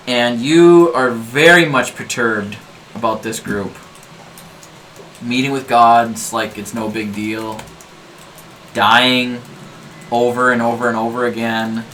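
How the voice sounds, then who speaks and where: Male game master, measured and halting narration, mid pitch, slight background noise. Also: steady tone, fairly bright tone, low-quality recording.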